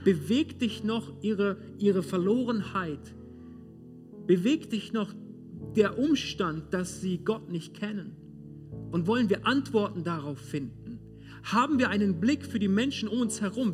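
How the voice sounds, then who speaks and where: Preacher, male, high voice, direct and searching, loud-soft swings, guitar playing clearly beneath him. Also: expressive, unhurried. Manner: talks straight to listeners with rhetorical questions; swings between loud stress and hushed softness. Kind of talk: sermon. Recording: sermon with clear guitar music underneath. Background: guitar music.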